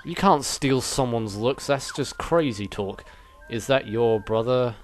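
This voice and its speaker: A man's voice: medium pitch, measured pace. A man giving casual let's play commentary with joking, rambling asides.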